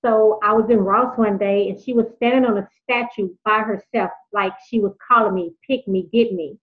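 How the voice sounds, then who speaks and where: A woman calling in to a live talk, speaking in a soft, unhurried, devotional way. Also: mid-range voice, fairly even intonation. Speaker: caller. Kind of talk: casual call-in sharing. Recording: phone line.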